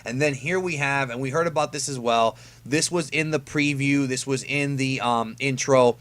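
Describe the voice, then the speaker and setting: A man with a medium-pitched voice hosts a casual fan breakdown of an anime episode preview. He talks conversationally, as if to regular viewers, stretching and stressing key words as he goes through the shots. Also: normal speed, a bit bright. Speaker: YouTube host reviewing an anime episode preview.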